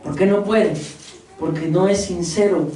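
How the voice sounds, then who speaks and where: A woman's voice: lowish voice, far from the mic. Woman preaching in an echoey church hall. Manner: animated, addresses congregation as beloved brothers, quick rhetorical questions. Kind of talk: sermon.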